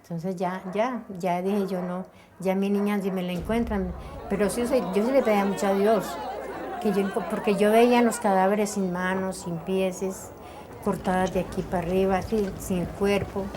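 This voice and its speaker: A woman giving slow, grieving testimony as a mother searching for her daughter. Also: medium pitch, fairly even intonation, crowd noise, noisy background. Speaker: bereaved mother interviewee. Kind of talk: emotional testimony.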